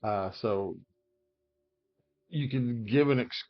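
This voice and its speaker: A man with a medium-pitched voice takes his time walking through character builds in a game. He's a game guide creator thinking aloud casually, with frequent fillers and hiccups. The recording lacks high frequencies.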